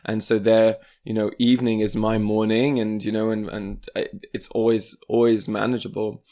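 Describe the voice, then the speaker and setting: A man who grew up in France, chatting on a podcast as a guest. His voice sits a little low, and he talks in an animated, rambling way, full of fillers and asides. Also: normal speed. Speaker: guest, spiritual coach. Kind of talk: casual podcast interview.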